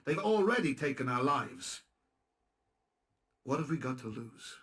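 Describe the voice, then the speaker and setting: For a video game's cutscene acting and narration, an actor portrays a resistance leader giving his men a blunt, dry, sarcastic, matter-of-fact briefing. The performance is heavily acted, in a mid-range voice with big pitch swings, a slightly slow pace, a fairly bright tone and a breathy edge.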